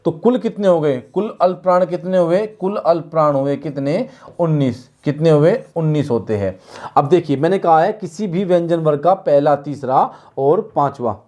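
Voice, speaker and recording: Male teacher, slightly high voice, drilling students with repeated questions. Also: normal speed, a little mellow. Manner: repetitive, questioning, drills students on sounds aloud. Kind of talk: online exam-prep lesson.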